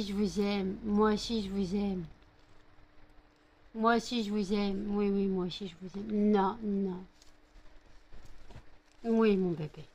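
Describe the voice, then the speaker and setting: A woman from France chatting casually in a vlog, rambling with many fillers and cooing baby talk to her dogs between remarks. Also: medium pitch. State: sleepy and hot. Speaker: vlogger.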